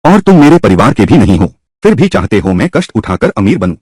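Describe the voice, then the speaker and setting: A man's voice: fairly low pitch, sing-song, fast talker, darkish tone, slightly rough, no echo. A man dubbing a humble, stubborn young male worker in a short drama, with a firm, plain-spoken delivery. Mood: stern. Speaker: dubbed drama lead. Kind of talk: Hindi dub of a Chinese short drama.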